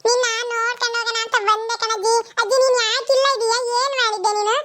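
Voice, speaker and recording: Woman doing a tiny bright-voiced boy, pleading with granny, cartoon. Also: very high voice, steady tone, quick pace, voice pushed up. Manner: pleading, coaxing. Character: young boy, worried grandson.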